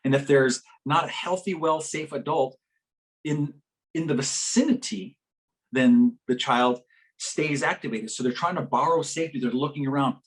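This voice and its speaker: A man presenting a workshop, telling a story in a lively, animated way, acting out voices and laughing as he goes. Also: normal speed. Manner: animated, acts out quoted voices with big pitch jumps; laughs as he talks. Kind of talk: storytelling talk to a live audience. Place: conference workshop session.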